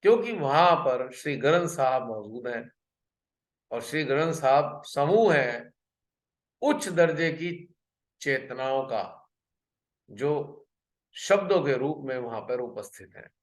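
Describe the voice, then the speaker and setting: A man giving a spiritual talk on a video call, earnest and pausing, often repeating a phrase before going on. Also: medium pitch, expressive, echoey room. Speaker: spiritual workshop speaker.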